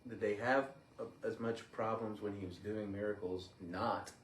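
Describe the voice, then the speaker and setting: A low-voiced man thinks aloud in a casual Bible study, often stumbling and restarting as he works out his point. He sits away from the mic in an echoey church room with a faint hiss behind him. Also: fairly even intonation, normal speed, far from the mic.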